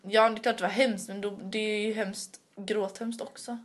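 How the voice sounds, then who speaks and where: A woman's voice: medium pitch, flat delivery. A young woman speaking Swedish with a Swedish accent, co-hosting a casual podcast chat and giggling often. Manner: giggly and emotional, says "typ" and "alltså" a lot. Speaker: podcast co-host.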